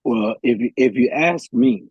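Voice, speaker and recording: A man's voice: medium pitch, expressive, measured pace, vocal fry, a little mellow, slightly rough, no echo, highs cut off. A man, a guest in a live podcast discussion, thinking aloud in a hesitant way with many restarts.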